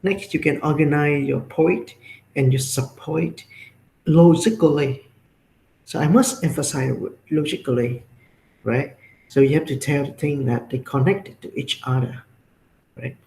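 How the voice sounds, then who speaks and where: A man's voice: mid-range voice, moderate pace, gravelly, darkish tone. Vietnamese-accented male teacher, echoey room. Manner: explains step by step, often checks in with "right?" and "okay?". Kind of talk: classroom lecture.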